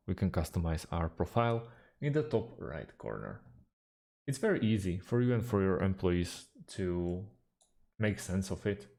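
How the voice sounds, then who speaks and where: This Slovak tutorial host records his screen while explaining software in a low, gravelly, dark-toned voice. He's unhurried and a bit hesitant, leaning on fillers, with phrasing that's slightly non-native.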